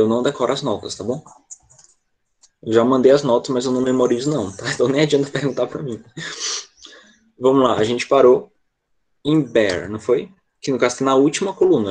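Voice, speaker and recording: A man's voice: medium pitch, darkish tone. A man teaching an online English lesson to children, patient and constantly checking in with short questions. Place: online class over a video call.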